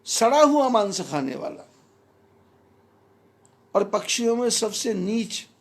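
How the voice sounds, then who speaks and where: Man, spiritual teacher, devotional discourse, high-pitched, unhurried delivery. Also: very animated. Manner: measured, emphatic preaching with recited verses.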